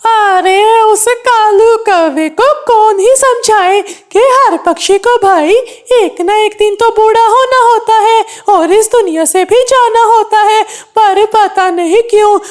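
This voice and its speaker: Cartoon: gossipy, scornful male parrot, high and drawn-out, woman voicing. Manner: teasing, scolding. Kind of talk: cartoon voice acting.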